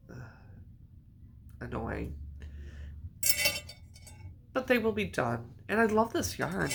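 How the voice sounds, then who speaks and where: Man, very creaky gravelly voice, unhurried, rambling chatty knitting vlog, faint hum behind. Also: medium pitch, fairly bright tone. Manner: rambling, chatty, self-correcting. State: hiccups. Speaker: knitting vlogger. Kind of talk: casual chat.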